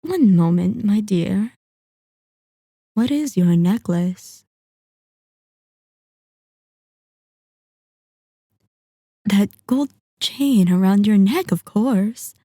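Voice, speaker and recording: A woman's voice: medium pitch, animated, takes it slowly, mellow, dry recording, clean studio sound. A woman voicing a possessive, sadistic vampire in an ASMR roleplay, with a silky, teasing, mock-polite menace. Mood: teasing curiosity. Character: sadistic, possessive female vampire lord toying with captive hunter.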